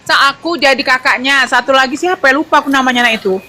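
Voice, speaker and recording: A man in a heated group talk, mocking the other side and shouting insults. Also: very high-pitched, quick pace, a little hiss or hum.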